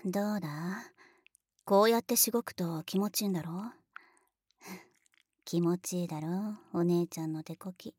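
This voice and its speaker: A brash, tomboyish big sister who talks down to you with blunt, boyish bossiness and teasing laughs, as a young woman acts her out. The voice sits at an ordinary middle pitch and is recorded very dry and close, with no room sound. Some lines drop into a hushed whisper. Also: normal speed, pauses often, breathy edge, no room sound. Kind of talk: adult audio role-play drama, partly whispered.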